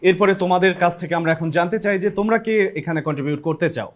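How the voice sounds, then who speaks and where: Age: adult. Sex: man. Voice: high, fast. Role: classroom lesson host. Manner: upbeat, addresses students directly. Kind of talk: presenting a classroom lesson, Bengali mixed with English.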